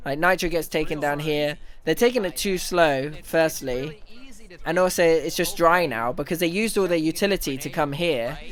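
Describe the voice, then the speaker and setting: Excitable streamer on a livestream headset mic. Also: male voice, fairly high pitch. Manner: rapid, excitable breakdown with frequent restarts. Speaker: streamer analyzing an esports match. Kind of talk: casual live analysis commentary.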